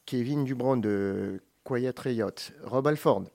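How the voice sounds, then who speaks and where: A man's voice: mid-range voice, takes it slowly, darkish tone. Guy on the radio rattling off a long list of band names, joking around, correcting himself. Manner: reads long name lists, joking asides and self-corrections. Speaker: radio co-host presenting a music segment. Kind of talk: casual radio chat.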